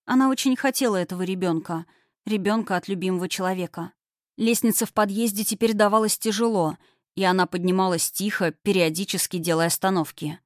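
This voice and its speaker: A woman narrating an audiobook in an expressive, heartfelt storytelling manner. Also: mid-range voice, fairly quick, no room sound, clean studio sound. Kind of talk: audiobook reading.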